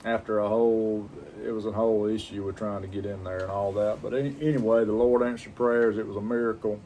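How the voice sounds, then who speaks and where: Male vlogger, lowish pitch, halting plain-spoken storyteller, reflective, slightly noisy recording. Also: steady tone, dark tone. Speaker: pipe-smoking vlogger. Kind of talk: casual personal storytelling to camera.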